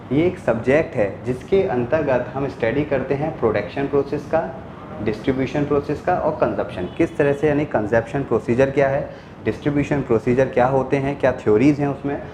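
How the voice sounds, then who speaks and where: A man's voice: mid-range voice, a little fast, echoey room, background noise. A male teacher giving a lecture, explaining step by step, repeating key words and answering his own questions. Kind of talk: classroom lecture.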